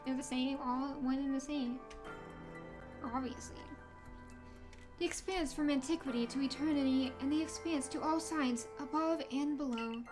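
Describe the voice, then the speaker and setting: Girl reading as mysterious wise game lady, formal old-timey grave talk, high voice. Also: fairly even intonation, moderate pace, over music, close to an everyday voice. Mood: grave, instructive. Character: stately, cryptic female sage from a fantasy game. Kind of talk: reading game dialogue in character.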